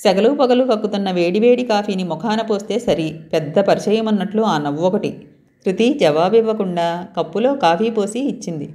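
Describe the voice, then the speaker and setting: A woman reading a story aloud in a calm, steady manner, as a storyteller. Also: mid-range voice, moderate pace.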